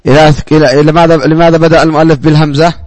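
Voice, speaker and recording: Man, teacher, fairly high voice, quizzes the class, repeats key words, dry close sound. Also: little pitch movement, very fast, darkish tone, no room sound. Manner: asks the class questions and answers them himself. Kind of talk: classroom grammar lesson.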